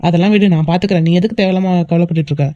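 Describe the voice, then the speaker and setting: A woman's voice: on the low side, racing, mellow, slight background noise, lightly acted. A woman voicing a breezy, teasing young man in an amateur cartoon. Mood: reassuring. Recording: dull lo-fi recording.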